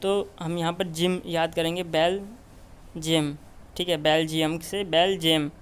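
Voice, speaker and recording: Man teaching in a flat, repetitive tone. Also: fairly high pitch, unhurried, clean tone. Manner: repeats "ठीक है" and short checks constantly. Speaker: memory trainer teaching mnemonics. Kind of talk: explanatory tutorial lesson.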